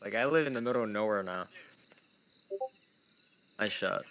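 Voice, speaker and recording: A man's voice: on the low side, moderate pace, a bit bright. A young man who says w for r, giving casual, rambling, self-deprecating live commentary while he plays games. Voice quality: says w for r, speech impediment. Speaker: gamer commentating on own play.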